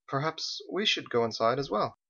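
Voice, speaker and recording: A man's voice: mid-range voice, expressive, normal speed, pushed and bright, dull audio. A man voicing a genteel, mild-mannered swordsman who speaks politely.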